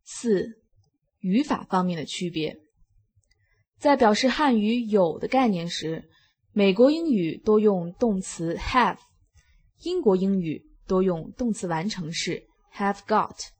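A woman narrating a scripted lesson, reading each example word on its own in a measured way. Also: medium pitch, animated, a little mellow, slightly rough. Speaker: English teacher.

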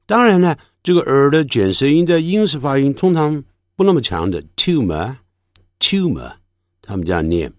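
A man teaching English pronunciation from a textbook, slowly stretching and repeating each example word. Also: fairly high pitch, very animated, darkish tone, dry recording, clean studio sound. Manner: slow, stretches out example words, repeats them. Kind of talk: textbook lesson, explaining in Chinese.

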